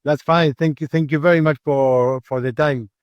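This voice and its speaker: A young adult man from Argentina acts as interviewer, questioning a surgeon guest, though he keeps restarting his sentences and uses lots of fillers. His voice is on the high side with a steady tone and moderate pace, captured in a dry, muffled recording.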